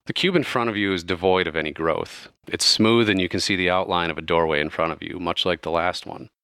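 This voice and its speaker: Low-voiced casual game master man. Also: fairly quick, a bit bright, clean tone, no echo, clean studio sound. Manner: casual, loose, with many fillers. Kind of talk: narrating a tabletop game.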